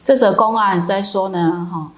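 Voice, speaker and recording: A woman Buddhist teacher reading a sermon calmly and telling Chan koan stories. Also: medium pitch. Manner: slow, calm, measured reading.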